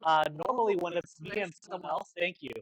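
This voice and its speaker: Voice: mid-range voice, a little fast, no echo, poor audio. A host of a basketball league livestream, chatting casually in the commentary booth and explaining the plan with small restarts.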